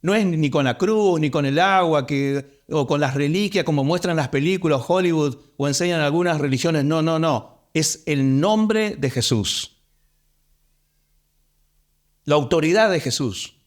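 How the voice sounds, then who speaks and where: A man's voice: a little high, unhurried. A man with a Rioplatense accent preaching a sermon as pastor, stressing points by repeating words. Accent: Rioplatense Spanish.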